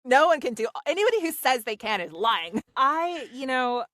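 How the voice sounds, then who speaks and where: An audiobook narrator from the Pacific Northwest, USA, chats animatedly in a podcast interview, her General American accent typical of the region. Her voice sits high at a normal speed, recorded with studio quality and no room sound, and she's talkative with lots of fillers.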